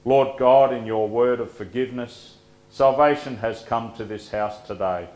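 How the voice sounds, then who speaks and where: A man leading liturgical prayers as pastor, reading in a measured, solemn way, his voice carried by the echo of a large church sanctuary. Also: medium pitch, darkish tone. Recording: echoey church room with faint hum.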